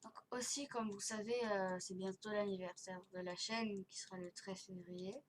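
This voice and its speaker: A woman's voice: medium pitch, fairly even intonation, moderate pace. Woman with tight-mouthed, impeded speech, noisy recording. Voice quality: impeded, tight-mouthed speech from dental elastics, slurred S sounds. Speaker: host of a gaming video channel. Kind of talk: casual chat commentary touring a game. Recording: noisy home recording with clicking.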